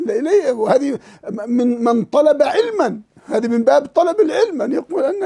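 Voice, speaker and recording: A male teacher explains a classical text to his students, stopping to ask them questions and laughing as he goes. His voice sits high but sounds dark, with a strong gravelly fry. His talk is emotive and full of repeated words. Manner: emotive and animated, often laughing and repeating words while he thinks; asks students rhetorical questions. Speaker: teacher of Islamic legal theory.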